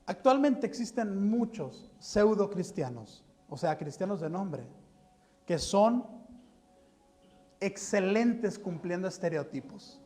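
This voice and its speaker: A Mexican man preaching in a church, his voice pitched high and swinging widely up and down. He keeps firing rhetorical questions at the congregation and drops joking asides between them. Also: expressive, slow pace, a little mellow. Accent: Mexican Spanish. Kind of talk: sermon.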